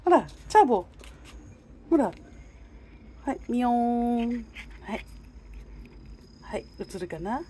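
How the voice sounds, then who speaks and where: A woman's voice: on the high side, animated, takes it slowly, long pauses, warm tone, slightly rough. A woman chatting to a neighborhood cat while filming it on a phone outdoors, coaxing and teasing it. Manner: chatty, coaxing, talks to the cat in a sing-song voice.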